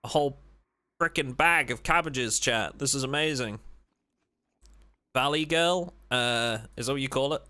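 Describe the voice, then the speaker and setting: A man's voice: medium pitch, a little slow, long pauses, sharp tone. A man streaming a game live, talking casually and rambling to his chat as he plays.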